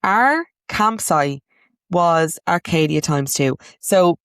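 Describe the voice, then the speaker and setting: A young Irish woman hosting a casual podcast, telling stories in a chatty way with quick asides and animated outbursts. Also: fairly low pitch, no echo, clean studio sound. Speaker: podcast host. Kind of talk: casual chat.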